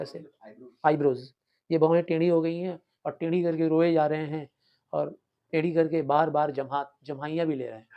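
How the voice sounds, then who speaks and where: Male teacher, fairly high voice, explains poetry line by line, slow recitation, dull lo-fi sound. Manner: explains line by line, checks with "ठीक है ना"; recites verses slowly.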